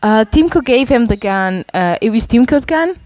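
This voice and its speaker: A woman co-hosting a casual home podcast while ill, talking in an animated way with frequent laughter. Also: fairly high pitch, moderate pace, dry recording. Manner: animated, laughs often, mocks others in voices. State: ill, yawning. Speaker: podcast co-host. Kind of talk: casual chat. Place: home living room. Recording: dry, muffled home recording.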